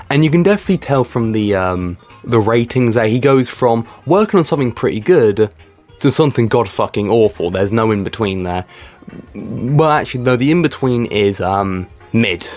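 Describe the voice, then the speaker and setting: Sarcastic young man with a lively voice. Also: on the low side. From Britain. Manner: sarcastic, mocking, swears freely. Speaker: YouTube commentary creator. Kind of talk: casual commentary reading out comments.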